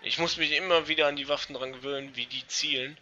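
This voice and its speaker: A young man giving casual, excitable commentary over an online shooter match, swearing and talking to his viewers. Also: fairly high pitch, quick pace, noisy background. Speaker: let's play gamer. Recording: dull lo-fi gaming mic.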